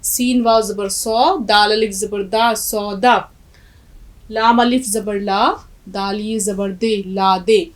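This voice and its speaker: A woman's voice: medium pitch, fairly even intonation, low-quality recording. A middle-aged woman from India teaching an Urdu lesson, spelling words letter by letter and giving learners direct instructions. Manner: spells words letter by letter, slowing on each sound. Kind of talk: classroom language lesson.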